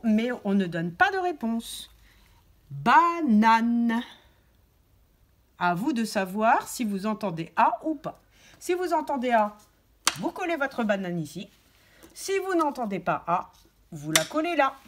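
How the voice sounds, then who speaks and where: Teacher lady talking to little kids, bouncy up-and-down voice, stretches out words slowly. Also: fairly high pitch, sing-song. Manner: slow, sing-song word stress for children; clear instructive tone, addressing children and parents. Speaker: kindergarten teacher. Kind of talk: video lesson for young children.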